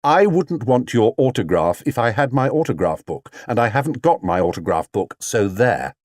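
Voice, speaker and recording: A man's voice: medium pitch, sing-song, moderate pace, a little mellow, dry recording, clean studio sound, close to an everyday voice. A man voicing a small, polite but stubborn young male bear who speaks earnestly and indignantly in a storybook reading. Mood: earnest, firm.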